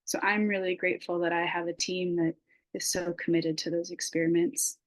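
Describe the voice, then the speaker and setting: Woman farmer, reflective and halting, with a lowish voice and dry sound, sharing her experience on a video call. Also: level tone, no room sound, poor audio. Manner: reflective, halting, with many fillers. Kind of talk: personal sharing in an online support circle.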